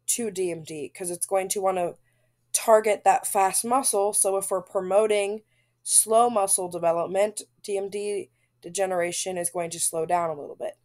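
Sick-sounding woman, groggy and stuffy, reading out her class presentation slide by slide. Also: mid-range voice. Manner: steady explanatory reading, frequent "going to". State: groggy, congested from flu. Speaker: student presenter.

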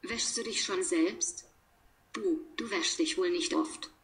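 Woman slowly reading example sentences. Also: fairly low pitch. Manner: measured, deliberate, pausing between sentences. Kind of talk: slow read-aloud of example sentences.

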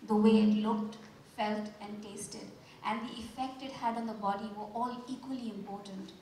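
A woman's voice: mid-range voice, fairly even intonation, normal speed, warm tone, a little hiss or hum. Woman reading a novel aloud in an echoey hall. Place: book launch event hall. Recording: echoey hall, mic from far off.

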